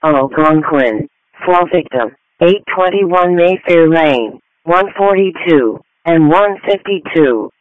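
Slow high-pitched male radio dispatcher. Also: lively intonation, dry recording. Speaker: emergency dispatcher. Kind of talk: repeated clipped radio dispatch announcements. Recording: phone-like narrowband radio dispatch channel.

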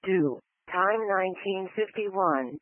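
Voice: mid-range voice, animated, slow pace, no echo, phone-quality sound. An emergency dispatcher reading formulaic call announcements in a clipped manner, repeating each one, over a radio channel.

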